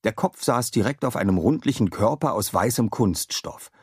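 A man narrates a children's story with lively, swooping intonation. His voice is low and husky, recorded dry and close to the mic with no room sound. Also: normal speed, no echo. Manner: expressive, animated reading. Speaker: audiobook narrator.

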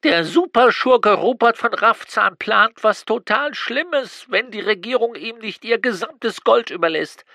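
A man voicing a panicked, croaking government caller pleading for help in an audiobook. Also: high-pitched, lively intonation, unhurried, hardly any pauses, bright, forceful tone, dry recording, clean studio sound, pitched above the performer's own voice, heavily acted. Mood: urgent. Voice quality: croaky, gravelly. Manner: urgent, pleading. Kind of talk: audiobook character voice.

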